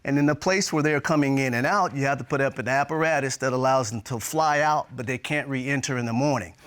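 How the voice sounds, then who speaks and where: Mid-pitched man explaining as expert witness. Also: fairly quick, fairly bright tone, clean tone. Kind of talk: explanatory testimony.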